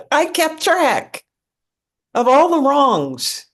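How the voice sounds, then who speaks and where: Slow-spoken woman telling a personal story. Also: high voice, huge pitch swings, a bit bright. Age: 40s. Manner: earnest, reflective, unhurried. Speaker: host.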